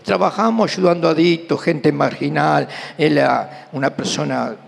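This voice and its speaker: Gravelly high-voiced Argentine preacher. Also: male voice, normal speed, slight background noise. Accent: Argentine Rioplatense Spanish. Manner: animated storyteller, acting out dialogue. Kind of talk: sermon with personal testimony. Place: church hall. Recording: reverberant church hall.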